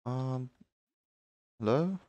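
Excitable young man doing game commentary. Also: very slow, no room sound, highs cut off. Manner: excitable, jumps into high squeals when thrilled. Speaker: gaming channel host. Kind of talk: let's-play commentary.

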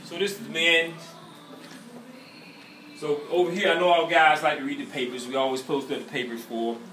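A middle-aged man with a Southern accent from the US shows off his gym in a casual, bragging tour, pitching it with upbeat sales talk. His high-ish voice is bright and forceful, fairly quick, with fairly even intonation. A handheld camera trails him through echoey indoor rooms, so the sound is distant, with gym music and slight background noise.

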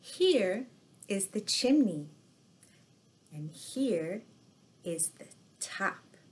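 Dressed as Mrs. Claus, a middle-aged woman hosts a storytime for young children, reading aloud with animated, drawn-out delivery full of sound words and gasps. Her pitch is medium. She sits by a fireplace in a living room, picked up by a webcam at arm's length or further away.

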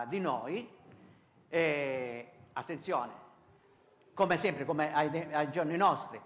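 A man's voice: a little high, fairly bright tone. Emphatic Italian-born male pastor. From Italy. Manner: emphatic preaching, frequent alleluias and amens, halting asides. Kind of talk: sermon with Bible reading.

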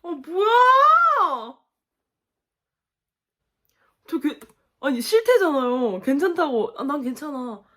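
Lively young woman reacting aloud. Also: sits high, normal speed. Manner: animated, exclaiming and laughing at the screen. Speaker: reaction video host. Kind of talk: casual reaction commentary.

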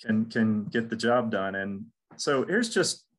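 An extension entomologist from the United States, middle-aged, lectures casually on crop pests in a recorded webinar with slides. His voice is fairly low and expressive, his pace unhurried, and he often repeats words and restarts sentences.

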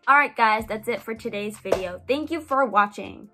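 A woman teaching English, who repeats each travel phrase clearly for practice and speaks fast and chatty. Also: a little high, music in the background. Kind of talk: phrase repetition drill and lesson.

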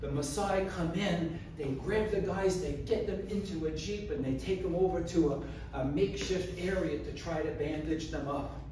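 A public speaker tells a story with animation, acting out scenes with gestures as he speaks in a large indoor community hall. His voice sits on the high side at a moderate pace. Captured by a far-off camera with no mic, the audio is echoey with a little hiss or hum.

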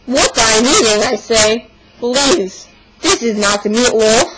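A young woman takes it slowly in a fairly high, expressive voice, portraying a stubborn young Russian woman in a comic monologue. She fakes a Russian accent and broken English that drops articles, complaining indignantly and excessively in a noisy home video recording.

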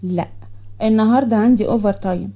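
A woman's voice: medium pitch, quick pace, warm tone, breathy edge. Woman doing a coy, wheedling Egyptian young woman. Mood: coaxing.

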